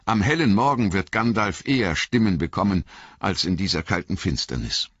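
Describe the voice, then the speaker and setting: A man's voice: deep voice, expressive, normal speed, breathy edge, dry recording, dull audio. A man voicing a thoughtful, hesitant young male hobbit who speaks carefully.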